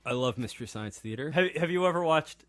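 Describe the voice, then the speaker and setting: A man's voice: on the high side, fast talker, no echo, studio quality, soft background music. A man in his forties chatting with an old friend on a podcast, walking through a movie scene and checking in with "right?". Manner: steady, recaps scenes with "right?" check-ins. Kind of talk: casual chat.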